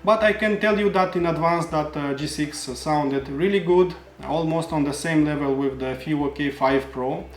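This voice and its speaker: Male gear reviewer, slightly higher voice, earnest explainer, echoey room. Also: moderate pace, few pauses, soft background music. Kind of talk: product review narration. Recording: roomy echo.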